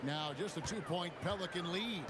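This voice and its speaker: A man's voice: high-pitched, normal speed, natural voice. A man playing a play-by-play commentator in a basketball video game. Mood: focused, energetic. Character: brisk male basketball play-by-play announcer. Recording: very loud arena noise behind.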